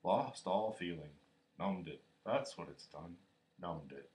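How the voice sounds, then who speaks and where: A man voicing a gloomy, self-pitying donkey who grumbles slowly and mournfully in a storybook reading. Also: deep voice, expressive, darkish tone, reverberant. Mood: mournful resignation.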